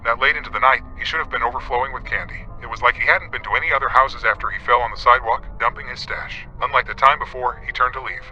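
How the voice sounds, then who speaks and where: A man narrating a scripted horror story in a quick, steady delivery. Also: medium pitch. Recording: dull lo-fi recording.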